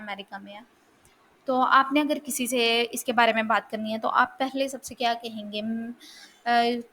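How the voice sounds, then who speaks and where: Higher-voiced woman explaining word formation. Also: fairly bright tone. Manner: explanatory, asks and answers her own questions. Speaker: linguistics lecturer. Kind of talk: casual lecture in mixed Hindi-Urdu and English. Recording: faint background noise.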